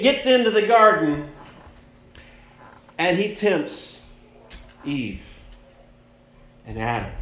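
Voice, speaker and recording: A man preaching at a pulpit microphone, his fairly high voice unhurried and conversational as he leans on key words. The sound bounces around an echoey church sanctuary. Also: fairly bright tone. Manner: plainspoken, conversational preaching with slow emphatic stresses. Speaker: pastor. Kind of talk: sermon.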